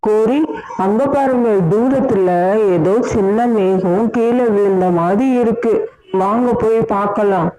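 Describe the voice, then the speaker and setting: A woman's voice: mid-range voice, a little slow, warm tone, close to an everyday voice, rough recording. A woman voicing a scheming, bossy female crow in a cartoon, speaking in a commanding, crafty way. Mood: sweet.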